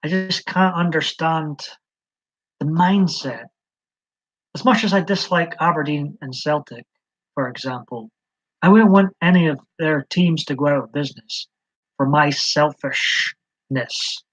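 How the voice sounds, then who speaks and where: A Scottish man hosts a live stream, chatting in a rambling, hesitant way with lots of ums. His voice is a little high and unhurried, and the lo-fi stream audio sounds slightly dull.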